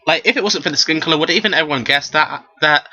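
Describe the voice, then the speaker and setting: A man's voice: on the high side, fast, highs cut off. Sassy young man ranting. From England. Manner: animated and sassy, often says "girl". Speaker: vlogger. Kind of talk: casual ranting to camera.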